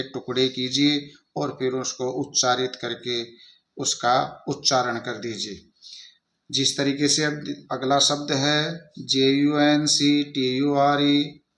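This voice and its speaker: A man's voice: mid-range voice, a bit bright, roomy sound, a little hiss or hum. A man teaching English pronunciation, patiently spelling out letters and syllables one by one. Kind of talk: slow classroom explanation.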